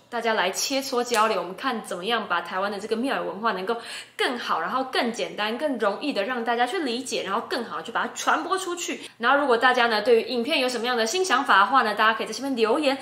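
A woman's voice: on the high side, bright, forceful tone. Taiwanese woman vlogger with a Taiwanese Mandarin accent, emphatic and upbeat in delivery, recorded in an echoey room. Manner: emphatic, chatty, encouraging. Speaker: YouTuber and English-language host. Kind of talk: casual talk to camera. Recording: roomy echo.

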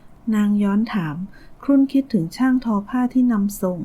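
A woman narrating a novel audiobook in a steady storytelling manner. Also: fairly high pitch, moderate pace, low-quality recording. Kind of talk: scripted narration.

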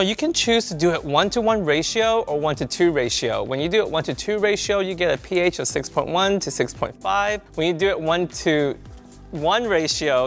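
A man's voice: on the high side, a bit bright. A man giving a hair-color tutorial in a salon, chatty and instructive, often checking in with his viewers. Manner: chatty, checks in with "right?" and "you guys".

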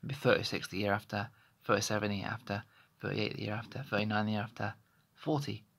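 Recording a candid vlog on a phone held close in a small bedroom, a man in his thirties rambles and hesitates with many restarts. His voice sits on the low side, steady and fast, gravelly and a bit bright.

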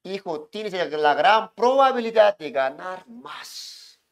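A man lecturing a classroom as economics teacher, hushing students and repeating himself to make points stick. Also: sits high, expressive, slow pace. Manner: keeps hushing and calling on students, repetitive.

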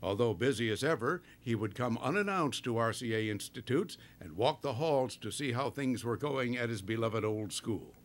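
A man narrating a documentary in a measured, formal scripted read. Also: medium pitch, expressive. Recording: narration over clear music.

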